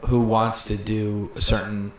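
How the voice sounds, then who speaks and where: A man's voice: lowish voice, little pitch movement, measured pace. A man co-hosting a podcast, chatting casually and telling stories with easy laughs. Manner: easygoing storyteller, laughs as he talks. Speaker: podcast co-host. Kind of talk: casual chat. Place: room with a podcast table. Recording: roomy echo, faint ambient noise.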